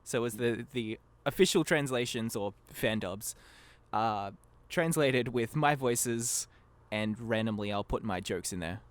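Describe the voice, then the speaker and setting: Speaking at a measured pace with hardly any pauses, this medium-pitched man is heard with no room sound. He's the fan abridged-series creator being interviewed on a casual podcast, meandering self-deprecatingly and leaving thoughts unfinished.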